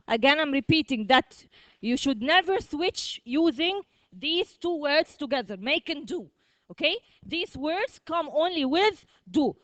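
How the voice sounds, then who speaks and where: A woman teaching a primary school vocabulary lesson, repeating words slowly, drilling the class and checking with "okay?" after each point. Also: high voice, fairly bright tone, dry recording.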